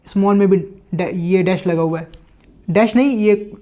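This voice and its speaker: A man with an Indian English accent teaching vocabulary, reading English lines slowly and then explaining in Hindi with many fillers. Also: high-pitched, warm tone. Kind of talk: Hindi-English lesson explaining a book line by line.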